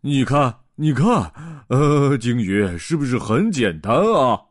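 A man's voice: medium pitch, lively intonation, no room sound, studio quality. A man voicing a bumbling, cheerful doctor in a children's storybook, speaking hesitantly with many ers. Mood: bluff. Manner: slow and hesitant, full of ers. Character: scatterbrained cheerful old male doctor.

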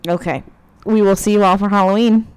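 A woman's voice: mid-range voice, fairly even intonation, a little fast, darkish tone, smooth, rough recording. A woman with a standard American accent, co-hosting a podcast in casual banter with a dry, teasing manner. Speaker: podcast co-host.

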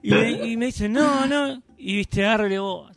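A man's voice: high-pitched, moderate pace, gravelly, over a noisy crowd. A man with an Argentine accent hosting a casual podcast chat, joking and sarcastic. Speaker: host.

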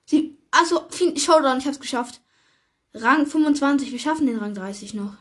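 A young woman hosting a gaming video, chatting casually with slang and excited gasps while she plays. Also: high-pitched, moderate pace.

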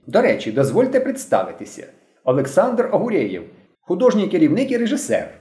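A pompous, ceremonious boy who styles himself a director, as the male narrator puts him on. The voice rises and swings, with a mellow, roomy sound. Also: sits high, huge pitch swings, fairly quick, pitched above the performer's own voice.

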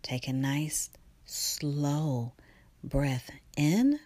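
A woman guiding a relaxation meditation in a soft, slow, partly whispered delivery. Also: low voice, animated, no room sound. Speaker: meditation guide.

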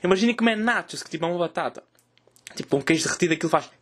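A young man with a European Portuguese accent tells a crude, animated comic story. His voice sits noticeably high. He talks at a rapid, rushing pace. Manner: animated, crude joking, loud cries in retold scenes. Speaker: host.

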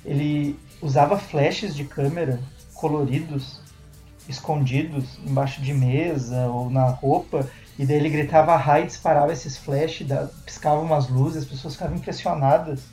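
A man from Brazil co-hosting a casual podcast, telling a long anecdote in a loose, meandering way full of restarts. His tone is warm and mellow, and the room around him sounds noticeably echoey. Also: a little high, fairly even intonation, moderate pace, soft background music. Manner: rambling storyteller, many restarts and tag questions. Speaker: podcast co-host. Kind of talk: casual chat.

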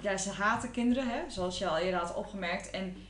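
A woman's voice: mid-range voice, a bit bright, slight background noise. Co-host, female, casual book talk, hesitant, roomy echo on the recording. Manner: halting, many fillers. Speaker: podcast co-host.

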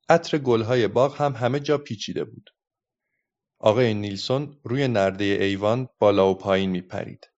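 A man reading a children's book aloud as a calm storyteller, in a dull lo-fi recording. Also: fairly low pitch.

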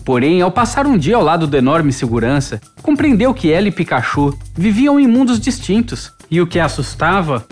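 A narrator reads a novel in a measured, expressive voice of middle pitch. The delivery rises and falls a great deal, and soft music plays faintly underneath. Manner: measured, expressive literary reading. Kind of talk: audiobook narration.

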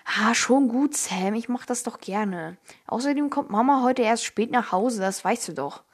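A woman's voice: on the high side, a little slow, breathy edge. A woman doing an eager young boy, Cody. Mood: cheerful. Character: excitable cheerful younger boy brother.

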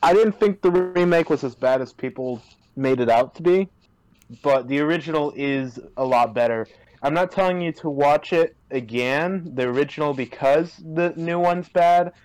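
A man's voice: on the high side, normal speed, darkish tone, low-quality recording. A man chatting casually on a call, rambling and hesitant, with many fillers and restarts. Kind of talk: casual chat. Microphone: remote call.

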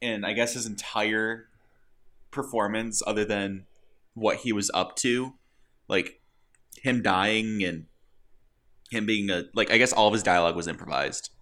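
A man in casual chat, retelling scenes in an animated way and laughing often. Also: lowish voice, measured pace, long pauses. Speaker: co-host.

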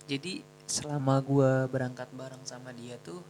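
A man's voice: medium pitch, fairly even intonation, moderate pace, a little mellow, slight background noise, rough recording. A young man casually telling a personal story in a chatty, slangy, self-mocking way. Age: young adult.

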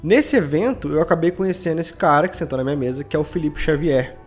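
A man from Belo Horizonte speaks with a Minas Gerais Brazilian accent, his voice fairly high and his pace quick. He's a podcast guest who creates audio dramas, chatting casually and telling anecdotes in slangy speech while background music plays.

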